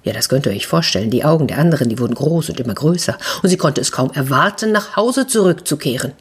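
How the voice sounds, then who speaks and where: A woman hosting a children's story podcast, narrating a fairy tale in an expressive way, sometimes dropping to a whisper. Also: deep voice, fast talker, slightly rough.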